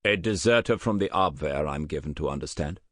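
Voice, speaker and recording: For this audiobook character, a man uses a very deep, slightly bright voice and a brisk delivery. He portrays a rotund, shrewd British colonel in his sixties, faintly Scottish, who asks clipped, dry, probing questions. There is no echo.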